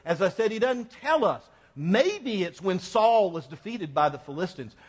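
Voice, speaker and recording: The sermon comes from a man whose voice sits high and sounds a bit bright. Speaking conversationally and colloquially to the congregation, he leans on repeated phrases for effect, all within a hall that rings with long reverb.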